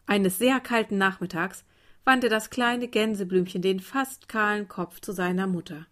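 A woman reading a calm bedtime story aloud in a soft, gentle voice. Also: mid-range voice, unhurried. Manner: calm, soft, turning quieter.

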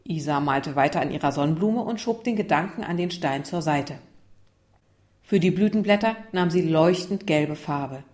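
Brief: woman narrator, children's story, calm, slightly low voice. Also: moderate pace.

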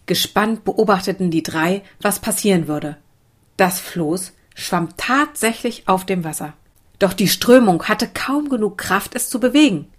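A woman reading a children's storybook aloud in a calm, even way. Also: medium pitch, measured pace. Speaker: narrator.

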